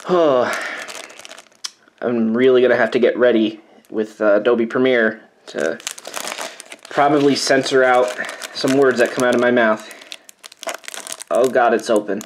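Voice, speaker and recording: A man's voice: mid-range voice, fairly even intonation, a little slow, long pauses, slight background noise. A man doing a spicy chip challenge on his vlog, nervous and sighing as he reads the warnings aloud with wry asides. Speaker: YouTuber doing a food challenge. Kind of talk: casual vlog commentary.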